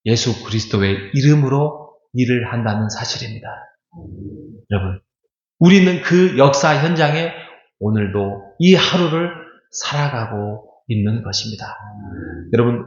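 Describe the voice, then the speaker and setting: A middle-aged man preaching a sermon as pastor, talking conversationally and asking the congregation rhetorical questions. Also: medium pitch. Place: church sanctuary. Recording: echoey church hall, dull lo-fi sound.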